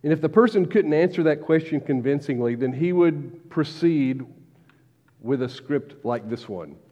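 A man preaching a sermon as pastor, measured, slowing down to stress key words. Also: on the high side, animated, dark tone. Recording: dull lo-fi recording with long hall reverb.

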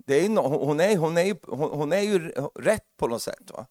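A man preaching a lively sermon, joking with the congregation and building to loud, emphatic preaching. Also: on the high side, no echo, clean studio sound.

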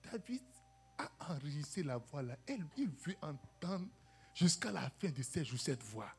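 Woman preacher, husky and animated, calls for amens over soft music. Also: low-pitched, unhurried. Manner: animated, calls for "Amen" and "Alléluia", acts out quoted voices. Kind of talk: sermon.

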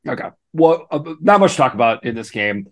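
Gravelly-voiced man chatting casually. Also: medium pitch, fairly quick. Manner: relaxed, rambling, with frequent restarts. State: gravelly, hoarse voice. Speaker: co-host. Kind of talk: casual sports podcast chat.

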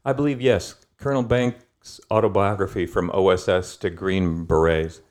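A middle-aged man, a guest historian, telling history in a thoughtful, storytelling way with pauses and fillers. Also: deep voice, steady tone, a little mellow. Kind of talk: conversational history lesson.

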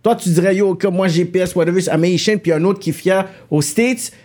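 A man's voice: high-pitched, fairly quick, a little mellow. A young man with a Québécois French accent hosting a casual podcast chat, talking animatedly and mixing in English slang. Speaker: podcast host interviewing a rapper.

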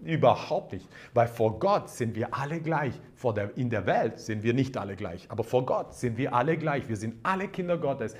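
A man's voice: mid-range voice, lively intonation, normal speed, few pauses. Male preacher, sermon delivery, emphatic and repetitive, hallelujahs and amens. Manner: emphatic, repeats key phrases, calls out hallelujah and amen.

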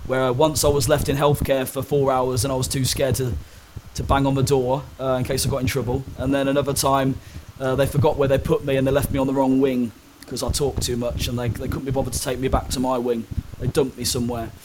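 Briskly and in a level, mid-range voice, a young male guest candidly tells personal stories in an interview, faltering with plenty of ums and restarts. The background is noisy.

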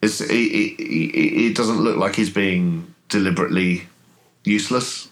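A man's voice: deep voice, unhurried. A man running a tabletop horror game as game master, describing scenes and laughing often.

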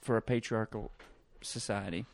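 A man co-hosting a podcast in casual chat, talking in a relaxed way with many fillers and pauses. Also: on the low side, gravelly, no echo. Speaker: podcast co-host.

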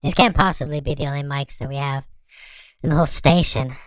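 A man's voice: fairly quick, fairly bright tone, smooth, dry recording. A man hosting a comedic radio show, his voice sped up into a chipmunk voice, bossy and exasperated. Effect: sped-up chipmunk voice from a pitch-shifting mic.

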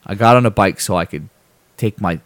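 A man with a low voice talks through a story in a loose, rambling way, full of fillers and restarts. He throws himself into the other people's lines as he tells it. The sound is dry, with no room around it. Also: animated, brisk, a bit bright, no room sound. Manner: acts out people's lines in a raised voice when telling stories. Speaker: podcast host. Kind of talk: casual chat, storytelling.

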